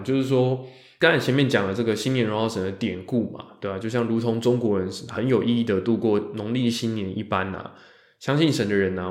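A man's voice: mid-range voice, a little mellow. A man hosting a podcast alone, talking casually and chattily, often stretching out the sounds that end his phrases. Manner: chatty, with drawn-out particles ending phrases. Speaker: podcast host. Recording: roomy echo.

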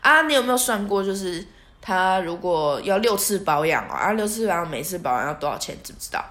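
A woman's voice: fairly low pitch, very animated, fairly quick, a bit bright. A woman voicing an insistent, lecturing middle-aged male taxi driver. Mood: probing.

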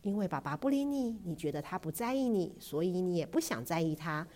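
A woman voicing a gentle, patient mother who coaxes softly and sometimes hushes to a whisper. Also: on the low side, very animated, a little fast. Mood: hushed. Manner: soft, coaxing, hushed at times.

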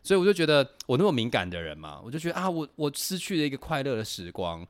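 A young man telling personal stories on a casual podcast, animated and laughing as he talks. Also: medium pitch, fast. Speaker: podcast host. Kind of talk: casual storytelling chat.

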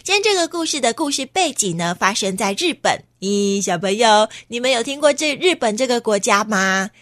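A woman tells a children's story in a lively way, turning to her young listeners with questions. Her voice sits fairly high and moves up and down a lot, and it is recorded close and dry. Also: moderate pace, dry recording. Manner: lively, talks directly to children, asks them questions.

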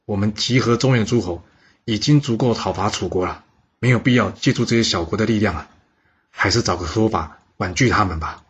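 A man voicing a shrewd, calculating chief minister who advises in a measured, persuasive way, in a husky voice on a dull recording. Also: fairly low pitch. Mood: advising.

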